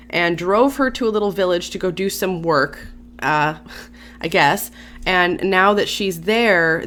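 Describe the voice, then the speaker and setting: A YouTube channel host reads a story aloud, pausing for casual, chatty asides punctuated by sighs and small laughs. Her voice is fairly low in pitch with a fairly bright tone.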